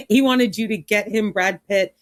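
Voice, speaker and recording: A woman's voice: mid-range voice, a little slow. A woman hosting a podcast, asking curious questions in a casual, filler-heavy way. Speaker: podcast host. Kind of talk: casual interview chat.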